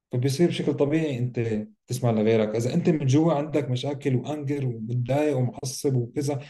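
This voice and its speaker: Fast-talking mellow-voiced man. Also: medium pitch. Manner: relaxed, reflective, mixes English words into Arabic. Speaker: podcast co-host. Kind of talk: casual conversation about self-help.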